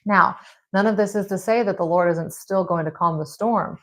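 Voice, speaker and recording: A woman's voice: mid-range voice, moderate pace, fairly bright tone. A woman hosting a Bible study, reading scripture and then reflecting on it in a chatty, conversational way. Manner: conversational and reflective, with frequent "like" and "you know"; reads scripture, then comments in her own words. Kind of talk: casual devotional teaching.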